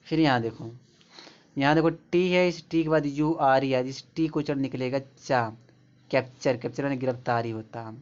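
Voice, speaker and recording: A man's voice: medium pitch, normal speed. Man teaching pronunciation, lo-fi sound. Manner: repetitive, pointing at examples. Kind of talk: explaining pronunciation rules in Hindi. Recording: dull lo-fi recording.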